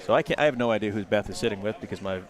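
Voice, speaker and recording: A man's voice: lowish voice, very fast, a crowd in the background. A man doing casual live play-by-play commentary on a sports event as a commentator.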